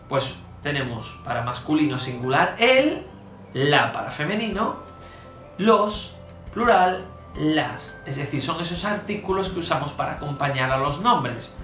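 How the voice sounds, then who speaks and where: A man teaching a grammar lesson, slowing down and stressing each example and checking in with "¿vale?". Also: on the high side, fairly bright tone. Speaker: Spanish teacher. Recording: echoey room with faint music.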